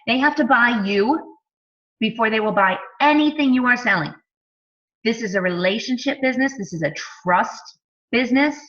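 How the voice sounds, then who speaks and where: A woman's voice: fairly high pitch, a bit bright, highs cut off. A woman in her thirties, a fitness coach, giving a casual sales talk full of "like", "you know" and rhetorical questions. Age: 30s.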